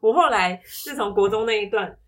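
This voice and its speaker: This woman from Taipei speaks with a Taiwanese Mandarin accent in a mid-range, slightly bright voice at a fairly quick pace. As a podcast interview guest, she shares personal stories casually, reflecting and explaining as she goes and quoting other people in her anecdotes.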